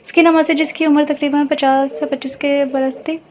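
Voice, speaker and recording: High, flat-toned woman narrating a novel. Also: fairly quick, background noise. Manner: steady reading with small self-corrections. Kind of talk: scripted narration.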